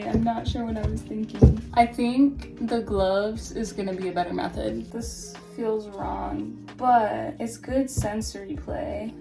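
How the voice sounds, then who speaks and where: A young woman vlogging casually in her home kitchen while she bakes, rambling and self-deprecating, with lots of fillers. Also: a little high. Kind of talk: casual chat while baking. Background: faint lofi music.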